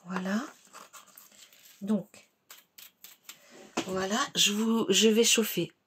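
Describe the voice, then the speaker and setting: Slow, chatty woman demonstrating crafts. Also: mid-range voice, slight background noise. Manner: chatty, unhurried, many fillers and "voilà". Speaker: card-making tutorial host. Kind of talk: casual step-by-step craft tutorial.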